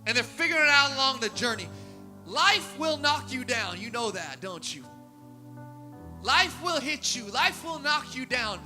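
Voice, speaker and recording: A man preaching a sermon as pastor, repeating phrases in a steady cadence that swells into emphatic peaks. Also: extremely high pitch, a little slow, faint music behind. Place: church sanctuary.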